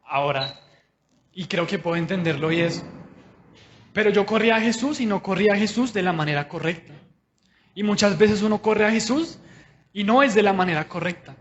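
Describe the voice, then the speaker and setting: A man's voice: high-pitched, animated, moderate pace, long pauses, fairly bright tone, muffled recording, slight background noise. A man preaching a sermon in a conversational, personal way, speaking straight to his listeners.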